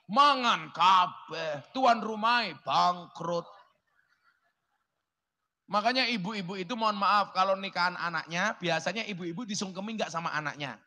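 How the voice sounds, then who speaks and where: A man's voice: sits high, unhurried, pushed and bright. A man with a Javanese accent giving a humorous sermon, joking and chatting with the audience. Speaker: preacher. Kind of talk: humorous sermon to a village crowd.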